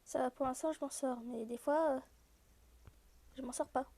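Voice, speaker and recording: A woman with a high voice and a mellow, rounded tone talks through a mobile game as she plays. She explains each screen and rule straight to her viewers in an easygoing, conversational way. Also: steady tone, moderate pace. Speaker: gaming video host. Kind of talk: casual gameplay walkthrough.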